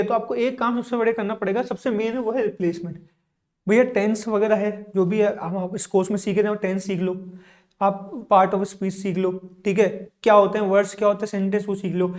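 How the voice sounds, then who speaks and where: A man teaching English in an online video lesson. He asks a question, answers it himself, keeps checking in with "ठीक है", and repeats each word twice. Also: extremely high pitch. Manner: says "ठीक है" often to check that listeners follow.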